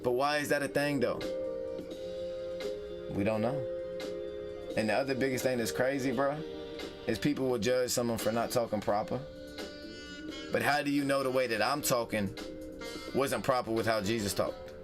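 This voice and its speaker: A man's voice: mid-range voice, moderate pace, pauses often, over music. A man hosting a casual advice vlog, heated and profane, who repeats phrases for emphasis. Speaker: vlog host.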